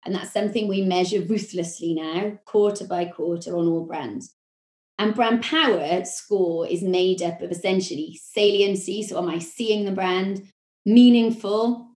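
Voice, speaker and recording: A woman with a Welsh accent, a marketing executive explaining her work in a podcast interview, measured and full of corporate phrasing. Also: lowish voice, a little mellow, roomy sound.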